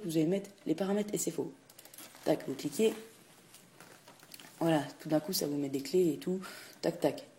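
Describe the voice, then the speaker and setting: A man's voice: on the high side, warm tone, a little hiss or hum. A man talking through a casual tutorial, hesitant, full of fillers and restarts, saying "tac" at each click. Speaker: video game tutorial host. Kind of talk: casual screen-recording tutorial.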